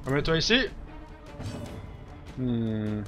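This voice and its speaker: A man hosting a let's play, giving casual gameplay commentary, reacting loudly, joking and swearing at the game. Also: mid-range voice, big pitch swings, very slow, soft background music.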